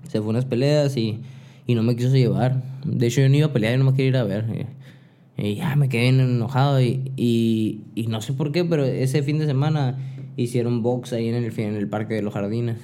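A young man with a Mexican Spanish accent tells his story as a boxer guest in a casual interview. His voice is medium-pitched and warm, and he talks a little fast, rambling with restarts and fillers.

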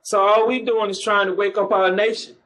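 Commanding high-voiced street preacher man. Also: flat delivery, a little fast, fairly bright tone, poor audio. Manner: commanding, mocking, calls for the next verse. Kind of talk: street preaching with scripture reading.

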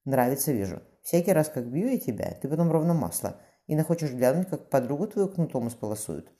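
Cruel commanding young tsar, read by a man, brisk, dark timbre. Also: fairly high pitch, big pitch swings, pitched above the performer's own voice. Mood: menacing.

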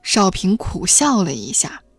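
Woman reading a novel out loud, steady, mid voice, soft music under it. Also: medium pitch, moderate pace, no room sound. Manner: steady storytelling. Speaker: audiobook reader. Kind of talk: novel narration.

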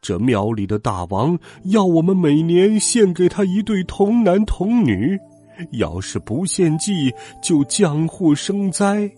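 A man's voice: high-pitched, sing-song, takes it slowly, warm tone, slightly rough, soft background music, voice pushed up, exaggerated voice. A man voicing a worried elderly villager in a storybook, drawn out and plaintive. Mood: sorrowful.

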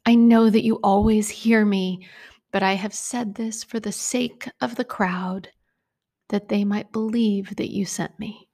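A woman voicing a calm, loving male teacher, speaking softly and deliberately. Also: mid-range voice. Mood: tender. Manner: soft, hushed, deliberate.

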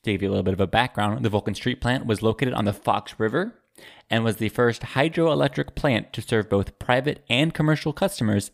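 A man's voice: mid-range voice, a little fast, vocal fry. Joking young man quizzing his co-host. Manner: joking, quizzing, laughs often. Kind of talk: casual podcast chat.

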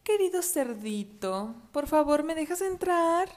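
A woman's voice: high-pitched, lively intonation, unhurried, a little mellow, voice pushed up. A woman voicing a blustering big bad wolf in a children's storybook reading, growling, huffing and laughing theatrically. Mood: sweetly fake.

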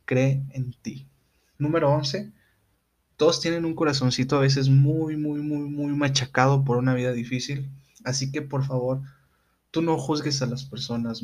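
Mexican man giving blunt motivational advice. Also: medium pitch. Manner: direct, exhorting, addresses listener with blunt slangy imperatives. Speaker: motivational speaker. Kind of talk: motivational talk, numbered life advice.

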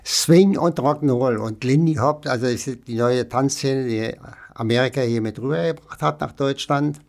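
A man's voice: mid-range voice, normal speed, creaky, a little mellow. A man, chatting casually as an interview guest and rambling with many fillers. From Berlin, Germany. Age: 80s.

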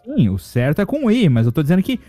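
Brazilian male co-host, playful, warm and a bit higher. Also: big pitch swings, fast talker, dry recording, faint music behind. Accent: Brazilian Portuguese. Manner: playful, teasing. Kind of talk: casual comedic chat.

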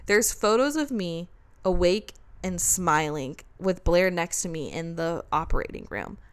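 A young woman hosts a podcast and tells a story in an animated, conversational way. Her voice sits a little low, and she acts out other people's lines as she goes. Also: a little slow, smooth. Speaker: podcast co-host. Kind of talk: casual chat.

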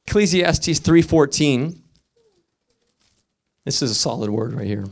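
A man preaching a sermon as a pastor, swinging from loud emphatic peaks to quiet storytelling, with rhythmic repetition. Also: mid-range voice, expressive, unhurried, gravelly.

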